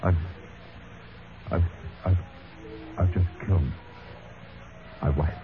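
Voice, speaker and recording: A man acting a weary, dazed confessor in an old radio drama, with a halting delivery. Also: sits low, steady tone. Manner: halting, stammering. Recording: thin, tinny old radio recording with music.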